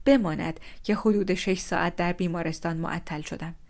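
Woman, story reader, scripted first-person narration, calm, measured. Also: fairly low pitch.

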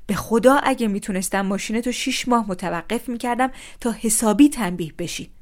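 A woman's voice: fairly low pitch, lively intonation, darkish tone. A woman voicing a male police officer who questions people firmly and seriously in a read-aloud story. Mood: stern. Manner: firm and serious.

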